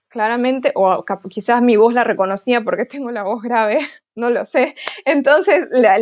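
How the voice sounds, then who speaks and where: A woman speaks in a fairly high voice at an online tech conference, pausing often on filler sounds and restarting her phrases. The audio is dull and lo-fi, with a dry, close sound. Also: dry recording.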